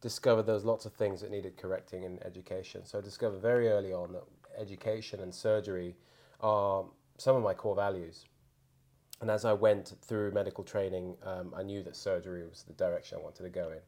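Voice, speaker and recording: Low-voiced man from the UK, interview guest. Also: fairly even intonation, fairly quick, darkish tone. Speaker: surgeon, podcast guest. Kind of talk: casual interview talk.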